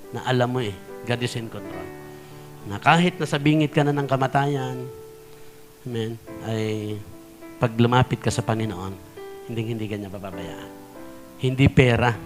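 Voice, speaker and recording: A man with a Filipino accent preaching a sermon as a pastor, telling stories and often asking the congregation "Amen?" as he slips between languages. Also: medium pitch. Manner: storytelling preacher, mixing English phrases, frequent "Amen?" to the congregation. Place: church.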